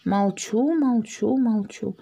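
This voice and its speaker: A woman voicing a sensible, slightly ironic father who speaks in a measured, drawn-out way. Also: medium pitch, creaky, dark tone.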